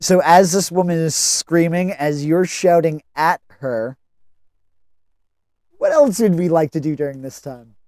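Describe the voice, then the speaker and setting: A man serving as game master and narrating a tabletop game, deliberate and focused on the rules. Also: on the high side, a little mellow, dry recording, clean studio sound.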